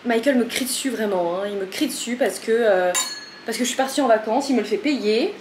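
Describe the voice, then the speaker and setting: A chatty vlogger with a slightly high voice moves fairly quickly through a casual home vlog, sounding frazzled and poking fun at herself. She is in an echoey kitchen, with a faint hum of room noise in the background.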